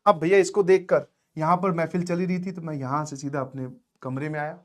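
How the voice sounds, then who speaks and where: A man's voice: on the high side, steady tone, brisk. A man teaching and motivating students in a casual storytelling way, often checking in with his listeners and mixing in English words. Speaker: coaching teacher.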